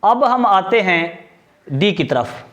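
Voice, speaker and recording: A man with a slightly higher voice than most men teaches a grammar lesson on video. He keeps putting questions to the viewer and then answers them himself. He explains patiently and goes back over the key points. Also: animated, slow, fairly bright tone. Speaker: English teacher.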